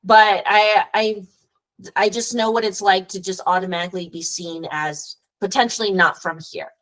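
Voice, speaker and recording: A woman's voice: medium pitch, steady tone, normal speed, a bit bright, poor audio. A woman with a Texan accent, speaking as an immigration lawyer guest in an earnest interview over a video call, with frequent fillers and restarts. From Texas, US. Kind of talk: casual interview talk.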